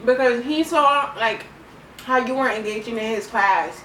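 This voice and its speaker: A young woman co-hosting a couple's video chats and tells stories in a giggly, talkative way. Her voice is slightly high and a bit bright at a moderate pace, recorded from a distant mic in an echoey room with faint noise.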